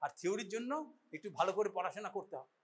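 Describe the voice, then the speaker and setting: A man's high voice carries a breathy edge as he speaks very fast in a medical college lecture. Teaching in the classroom, he demonstrates an exam and often checks for understanding.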